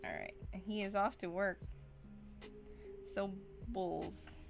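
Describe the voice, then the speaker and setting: A woman artist chats while she draws, taking her time and thinking aloud. Her pace is slow and unhurried. Soft music plays faintly behind her. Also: mid-range voice, creaky. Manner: relaxed, thinking aloud, frequent laughs. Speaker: artist streamer. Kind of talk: casual chat while drawing.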